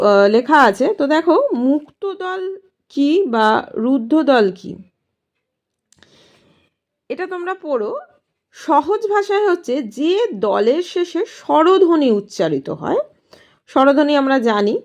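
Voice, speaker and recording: A woman teacher walks students through a grammar lesson in a casual, patient way. Her voice sits a little high and swings widely in pitch. She keeps posing questions and then answering them herself. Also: gravelly. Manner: explains step by step, asks and answers her own questions.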